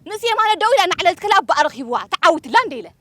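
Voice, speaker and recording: An actress in a sitcom, bickering back quickly. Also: female voice, very high voice, big pitch swings, a bit bright, dry recording, full character voice. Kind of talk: sitcom acting.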